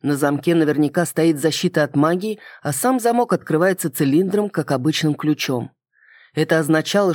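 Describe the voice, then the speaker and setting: Calm, even audiobook reader. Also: mid-range voice, no echo, clean studio sound. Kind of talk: first-person fantasy narration.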